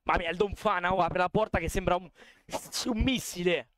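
A man's voice: high-pitched, brisk, a bit bright. A young man chatting casually with his live-stream audience at a desk mic, chatty and swearing freely. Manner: chatty, swears a lot, talks to chat.

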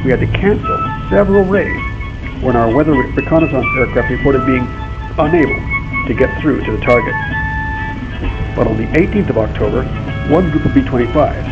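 A man delivering a scripted military mission briefing as narrator, in a grave, commanding manner. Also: medium pitch. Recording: dull lo-fi game audio under music.

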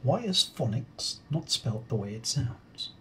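A man doing a deadpan comedic call center role-play, halting and apologetic as he asks his questions. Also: mid-range voice. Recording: keyboard typing noise. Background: computer keyboard typing.

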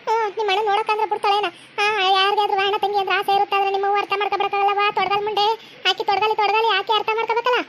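A woman doing a chiding high-voiced woman. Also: little pitch movement, background noise. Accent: North Karnataka Kannada. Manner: chiding, rapid. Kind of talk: cartoon voice acting.

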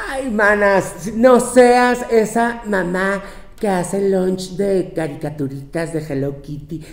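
A man's voice: high-pitched, slow, a little hiss or hum. A man voicing a bossy young Mexican woman with a Mexican accent, lecturing her girlfriends in a profane, scolding comic monologue. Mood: sassy ranting. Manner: brash, profane, scolding, with mocking quoted voices. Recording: roomy, echoey room.

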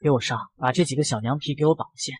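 A man's voice: medium pitch, fast talker, a little mellow, husky, dry recording. A man voicing a leering, arrogant young male villain cultivator in a comic recap. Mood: sneering. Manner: sneering, leering.

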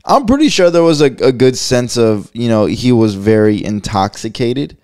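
A man's voice: medium pitch, lively intonation, normal speed, darkish tone, clear, resonant tone. A man hosting a casual commentary show, talking in loose, slangy, profane bursts and laughing often. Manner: loose, rambling delivery with restarts. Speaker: commentary channel host.

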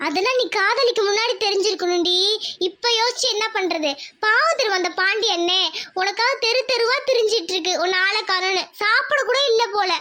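A woman voicing a chatty, helpful young village girl in a cartoon, speaking in a lively rural manner. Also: extremely high pitch, fairly quick. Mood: earnest, coaxing. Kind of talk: cartoon voice acting.

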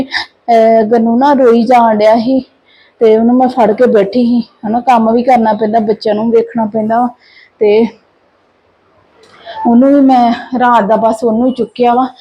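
A mother talks casually to her vlog viewers, tired and worried after a sleepless night. Her voice is somewhat high, with a soft, mellow tone. She speaks in a flat, even line, full of fillers and restarts. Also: muffled recording. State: sleep-deprived. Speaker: vlogger and mother. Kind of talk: casual family vlog chat.

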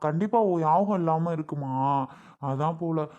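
A man's voice: on the high side, moderate pace, dark tone, highs cut off, lightly acted. A man playing a young husband and father who talks insistently and repeats himself. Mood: coaxing. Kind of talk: family skit acting.

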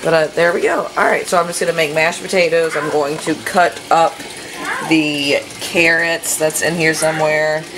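A deep, steady voice at moderate pace belongs to a cooking vlogger in her thirties chatting casually to herself while she cooks. Her home kitchen recording, made on a camera mic, carries kitchen sounds and a running tap.

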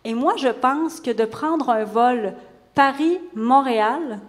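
Bubbly high-voiced Québécois woman host. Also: in a large hall. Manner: bubbly, teasing, quick laughs. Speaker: talk show host. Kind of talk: lively live show hosting. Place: stage before a live audience.

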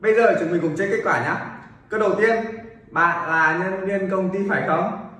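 A man teaching a Korean grammar lesson, explaining clearly and repeating example sentences slowly for practice. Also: high voice, sharp tone. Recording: very echoey room, somewhat far from mic.

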